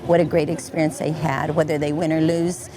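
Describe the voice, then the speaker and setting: Female organizer, earnest, very low voice, outdoor ambience behind. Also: little pitch movement, a little fast, mellow, slight background noise. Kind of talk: casual interview. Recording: clear event ambience behind.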